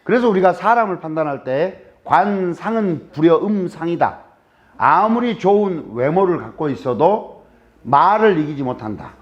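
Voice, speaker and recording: A man with a Jeolla Korean accent giving a humorous lecture in a lecture room, teasing the audience and throwing rhetorical questions at them. His voice sits high and swings up and down in animated waves. The recording sounds dull and lo-fi. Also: normal speed. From Jeolla, South Korea. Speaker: guest lecturer.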